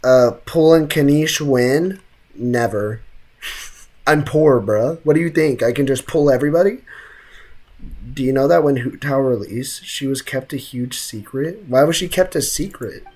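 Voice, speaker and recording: Reacting to a game on stream, this speaker trades teasing, slangy banter with viewers in casual chat. Their medium-pitched voice is a little mellow and measured in pace.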